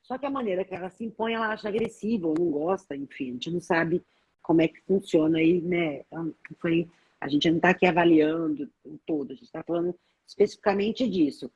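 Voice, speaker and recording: A woman's voice: fairly low pitch, fast, darkish tone, husky, muffled recording. A woman, a therapist co-hosting a live Q&A, who reasons aloud and explains her points step by step. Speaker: therapist co-host. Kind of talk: live Q&A chat.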